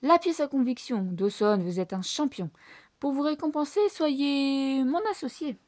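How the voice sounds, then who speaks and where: A brisk, self-assured mouse detective from a storybook, bright-pitched and quick to explain, as a woman reading aloud puts him on. The voice sits somewhat high and mellow, recorded close and dry. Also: dry recording. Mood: confident. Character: clever excitable male mouse detective.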